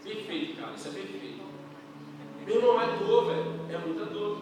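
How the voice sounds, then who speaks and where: A young Brazilian man preaching a youth service sermon in slangy, casual speech that builds to loud, impassioned delivery. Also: high-pitched, steady tone, fairly quick, background noise. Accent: Brazilian Portuguese. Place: church hall. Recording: roomy church hall from far off, music behind.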